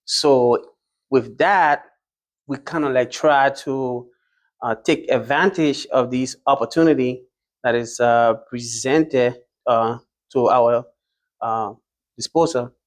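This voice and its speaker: A man's voice: medium pitch, slow pace. A man from Liberia answering interview questions as a truck driving school graduate, hesitant, with many fillers and restarts.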